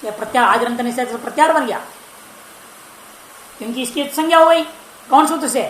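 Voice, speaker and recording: Woman teacher, pretty high voice, keeps quizzing the class then answering, roomy echo and a little hiss. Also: brisk. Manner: asks the class questions and answers them herself. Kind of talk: grammar lecture.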